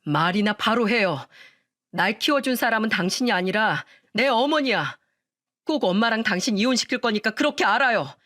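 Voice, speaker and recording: A woman's voice: fairly high pitch, animated, moderate pace, fairly bright tone. Woman playing an indignant angry husband. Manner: scolding, indignant. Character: angry grown son, the husband. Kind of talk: radio story reading.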